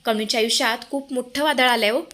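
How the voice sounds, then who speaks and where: A woman's voice: on the high side, steady tone, fast talker, a bit bright, natural voice. Woman voicing an anxious young daughter-in-law. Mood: explaining. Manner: earnest, pleading.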